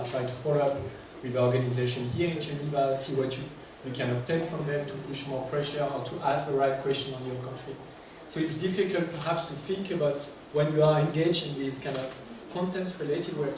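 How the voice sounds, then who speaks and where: Here a workshop presenter, a man with a French accent whose voice is on the high side, gives a conference talk in English marked by hesitation, filler words and questions to the audience. It was recorded at a distance in a large echoing conference room, with noise.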